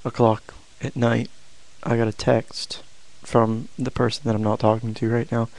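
A young adult man chatting casually to a vlog audience in a flat, low-energy, hesitant way with long pauses. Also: low-quality recording. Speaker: video blogger.

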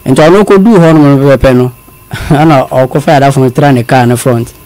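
Male guest from Ghana, halting storyteller, mixes English phrases, dry close sound. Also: medium pitch, a little mellow, dry recording. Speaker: guest telling his story. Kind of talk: confessional storytelling.

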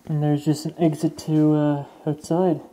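A man's voice: a little high, flat delivery, unhurried, warm tone. A young man exploring an abandoned mansion basement, chatting casually to his viewers as he walks through. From Canada. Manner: chatty, addresses viewers as guys. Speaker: urban explorer host. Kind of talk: casual walkthrough commentary. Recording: echoey empty rooms.

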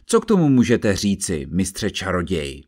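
A man voicing a stern, agitated judge who speaks in an insistent, forceful way in an audiobook reading. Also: low voice, wildly swooping pitch, full character voice.

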